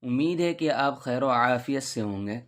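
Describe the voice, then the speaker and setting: A man, a madrasa teacher, giving a patient beginner's lesson and reciting the alphabet slowly, letter by letter. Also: mid-range voice, lively intonation.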